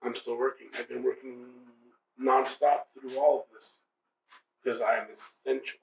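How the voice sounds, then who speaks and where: Gravelly man in his forties, far from mic. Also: mid-range voice, level tone, normal speed, roomy sound. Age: 40s. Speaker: interviewee. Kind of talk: casual interview answers.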